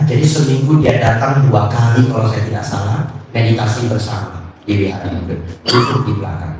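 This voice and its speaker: A man's voice: fairly low pitch, slight background noise. A middle-aged man preaching a Buddhist sermon, his voice rising and falling freely as he tells jokes and stories. He poses questions to his listeners. The sound carries heavy echo, as if recorded well away from him in a big hall. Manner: humorous storytelling, lively, rhetorical questions to the audience. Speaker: Buddhist monk giving a Dhamma talk. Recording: echoey hall, mic at a distance.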